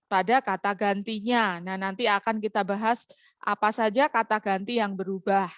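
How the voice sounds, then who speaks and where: A woman's voice: medium pitch, no echo, clean studio sound. A woman teaching a school grammar lesson, explaining step by step and checking in with her students as she goes. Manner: explains patiently with frequent "nah" and "ya".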